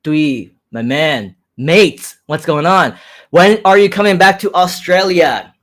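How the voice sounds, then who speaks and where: A man in his thirties hosts a casual live stream, reading out viewer comments in an upbeat, chatty way, often repeating phrases and laughing a lot. His fairly high, fairly bright voice moves at a slow pace. His accent is mostly American with a faint Hong Kong tinge.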